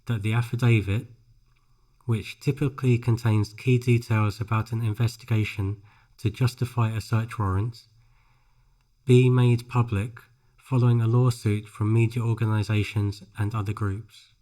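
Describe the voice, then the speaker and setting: A man reads scripted narration for a pronunciation drill, phrase by phrase, with careful, measured enunciation. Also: on the low side, level tone, mellow. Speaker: English shadowing practice narrator.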